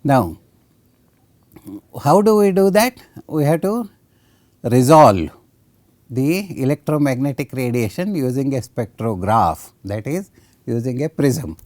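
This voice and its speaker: Man lecturing, mellow and dry. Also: mid-range voice, lively intonation, slow, long pauses, dry recording. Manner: didactic, asks questions and answers them himself. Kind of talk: technical science lecture.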